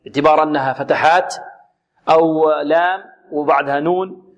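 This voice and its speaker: A man teaching Quran recitation on a radio lesson. He demonstrates sounds slowly, corrects mistakes and asks questions that he answers himself. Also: a little high, steady tone, highs cut off. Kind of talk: tajweed lesson on a radio program.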